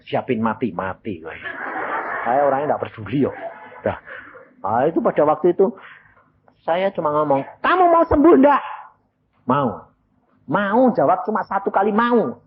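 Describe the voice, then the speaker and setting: A man's voice: normal speed, pauses often, phone-quality sound, slight background noise. An older man preaching a sermon, telling stories with lots of energy and acting out the voices of the people in them. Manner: animated storytelling, acting out quoted voices, jumps high in pitch; mixes Javanese words into Indonesian, calls the congregation "saudara".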